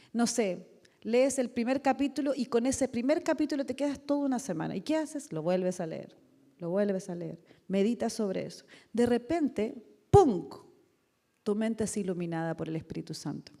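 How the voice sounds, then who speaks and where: A woman's voice: on the high side, expressive, moderate pace, mellow. A middle-aged woman preaching a sermon in a conversational way, asking many rhetorical questions and acting out little quotes. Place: church hall. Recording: long reverb of a large hall.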